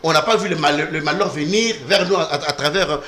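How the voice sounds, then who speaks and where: A man's voice: a little high, fast talker, bright, forceful tone. A man on a televised political debate panel, defending his side insistently and talking over the others. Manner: insistent, talks over others, repeats "s'il vous plaît".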